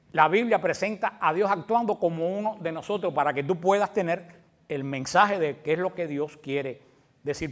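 Man preaching, conversational and questioning. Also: sits high. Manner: conversational, asks the congregation questions. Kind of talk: sermon.

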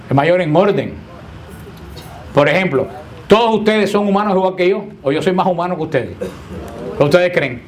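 A man leading a Bible study lecture, explaining plainly, repeating key points and keeping the group engaged with questions. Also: fairly high pitch. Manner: keeps asking the group questions; playful teasing of the listeners. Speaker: Bible class teacher.

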